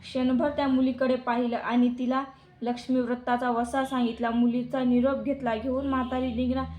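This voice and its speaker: Woman telling a devotional story, even tone. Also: high voice, moderate pace. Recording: dull lo-fi recording.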